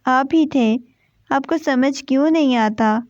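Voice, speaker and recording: A woman's voice: sits high, darkish tone, no echo, lightly acted. A woman reading as a frightened, tearful young wife. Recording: dull, dry lo-fi recording.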